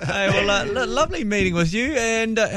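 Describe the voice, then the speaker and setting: A man's voice: sits high, lively intonation, brisk, bright, forceful tone, no room sound. A man co-hosting a radio show, introducing callers and teasing them in a breezy way. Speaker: radio host. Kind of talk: casual radio show banter.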